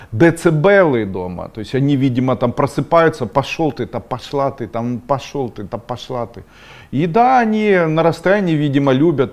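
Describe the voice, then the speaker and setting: A middle-aged man of medium pitch hosts an esoteric webinar. He reads viewers' questions aloud, gives blunt answers, and now and then scolds with sharp, rising outbursts.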